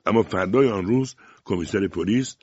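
A man reading an audiobook aloud, narrating in a measured, calm manner. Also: lowish voice, breathy edge, no echo, muffled recording.

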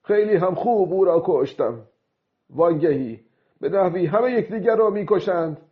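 Man as an old lone fisherman, gravelly voice, brooding, radio drama, muffled recording. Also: medium pitch. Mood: loud self-talk.

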